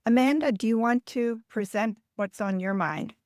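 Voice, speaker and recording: A woman's voice: a little high, moderate pace, a little mellow, no room sound, clean studio sound. An American woman moderating a roundtable, giving brief, encouraging prompts.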